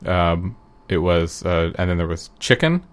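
Low-voiced hesitant man. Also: sing-song, a little slow. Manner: rambling, hesitant with many ums and restarts. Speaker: guest recounting an event. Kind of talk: casual chat.

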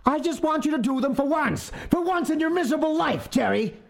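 A man's voice: animated, a little fast, creaky, full character voice. A man voicing a furious wife scolding her husband during a fight. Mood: exasperated. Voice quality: shrill strained voice. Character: furious nagging wife, fed up.

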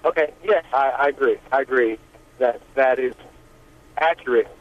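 A man's voice: mid-range voice, normal speed. A man answering interview questions over a phone line that glitches and breaks up, speaking hesitantly with many restarts. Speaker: musician guest.

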